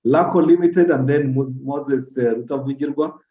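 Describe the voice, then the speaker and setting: A man hosts a casual discussion, speaking softly and prompting his guests with short questions. His voice is mellow and dark. The audio is dull and lo-fi. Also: mid-range voice, moderate pace. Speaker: host. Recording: muffled lo-fi audio.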